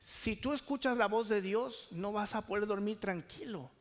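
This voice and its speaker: A man's voice: high voice, moderate pace, long reverb tail. A man preaching a sermon as pastor, asking the congregation questions and calling for answers.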